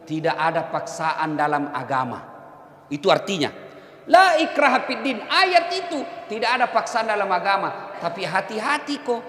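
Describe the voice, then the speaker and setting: A man's voice: high voice, big pitch swings, moderate pace. Man, preacher, teasing and emphatic, roomy hall echo. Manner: teasing, emphatic, rousing the audience with shouted calls. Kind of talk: humorous sermon to a crowd. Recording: echoey hall.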